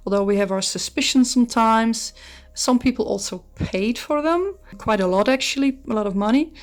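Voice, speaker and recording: In a mid-range, darkish voice, a Dutch woman with a strong accent who runs a true crime channel talks through a casual book review. She's chatty and figures things out as she speaks, often pausing with ums and starting sentences over.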